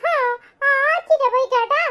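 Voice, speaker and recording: A woman voicing a small, curious and whiny boy in a cartoon, with a childish squeaky voice and a Tirunelveli Tamil accent. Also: unhurried, pushed and bright, full character voice. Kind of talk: cartoon voice acting.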